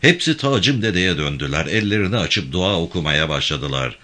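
A man with a deep voice reads a novel aloud in a measured, storytelling manner. His pitch moves in lively swings. His tone is bright and forceful. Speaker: audiobook narrator. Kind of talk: audiobook narration of a novel.

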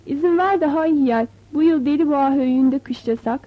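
A woman's voice: high-pitched, brisk, lightly acted. A woman as a frail, pleading old nomad man. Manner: pleading, humble. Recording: dull, slightly lo-fi.

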